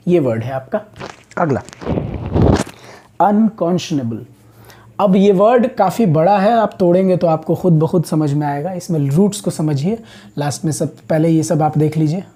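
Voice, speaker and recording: A man's voice: on the high side, mellow, husky. A man teaching English vocabulary as a classroom lecture, explaining words patiently, step by step.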